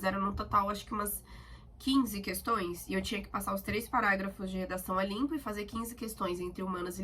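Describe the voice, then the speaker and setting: Fast-talking chatty Brazilian young woman. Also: mid-range voice, slight background noise. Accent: Brazilian Portuguese. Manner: chatty, talkative, animated storytelling. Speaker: student vlogger. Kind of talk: casual chat to camera.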